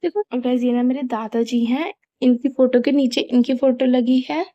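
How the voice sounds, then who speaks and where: A woman's voice: high voice, moderate pace, dark tone, highs cut off. A young woman chatting casually in a home vlog, rambling and apologetic, with a sore throat. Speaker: vlogger. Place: family home, indoors.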